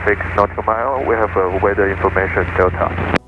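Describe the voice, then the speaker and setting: A man's voice: on the low side, steady tone, fast, phone-quality sound, heavy background noise. A man speaking as a pilot over the aircraft radio, making routine tower calls with the odd hesitation.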